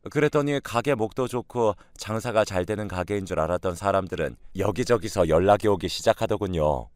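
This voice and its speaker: A man narrates a first-person story script in a calm, steady manner. His voice sits on the low side. The sound is dry and close, with no room around it. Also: no room sound.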